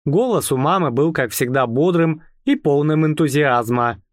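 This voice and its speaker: A man narrating a first-person audiobook in a calm, even, wry storytelling manner. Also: a little high, normal speed, no room sound, studio quality.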